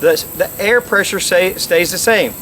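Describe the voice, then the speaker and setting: A man's voice: high-pitched, measured pace, sharp tone, poor audio. A middle-aged man giving an instructional how-to demonstration outdoors, explaining with emphatic repetition. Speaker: instructor, game call company presenter. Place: outdoors by a lake.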